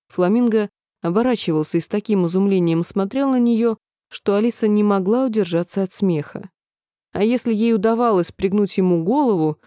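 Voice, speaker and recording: Brief: woman audiobook narrator, mellow dark tone, dry close mic. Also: mid-range voice, no room sound. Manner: calm, measured reading with voiced characters.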